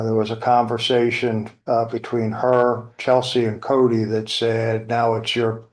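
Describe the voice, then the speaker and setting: A man questioning witnesses as a lawyer in court, phrasing things informally and haltingly. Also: mid-range voice. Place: indoor courtroom.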